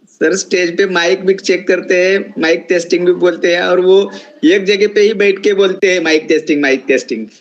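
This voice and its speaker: A man speaks up from the audience of a workshop and politely addresses the trainer as sir. His voice is fairly high. It comes through dull and distant, well away from the main mic. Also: flat delivery, normal speed. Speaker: workshop attendee. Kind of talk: question from the audience.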